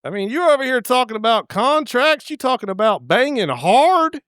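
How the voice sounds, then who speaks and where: A man's voice: sing-song, normal speed, fairly bright tone, smooth, no room sound, clean studio sound, exaggerated voice. A man voicing a nervous, indignant young woman who stammers. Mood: alarmed. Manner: squeaky, stammering, exasperated.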